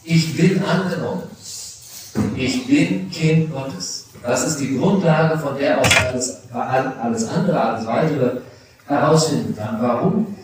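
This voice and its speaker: In a church, a middle-aged pastor with a mid-range voice preaches a confirmation sermon at a measured pace, addressing teenagers personally and directly. The audio is echoey and recorded from a distance, with a noisy background.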